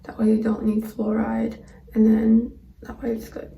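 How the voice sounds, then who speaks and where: Female vlogger, casual and halting, slightly high but monotone, recorded in an echoey room. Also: vocal fry. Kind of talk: casual vlog to camera, explaining a routine. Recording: roomy echo, distant microphone.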